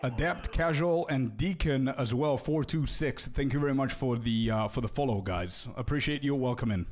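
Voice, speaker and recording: Here a young man talks with viewers during a video game live stream, speaking at medium pitch and normal speed. The chat is casual and friendly; he answers questions, calls people bro often, and repeats words as his thoughts unfold.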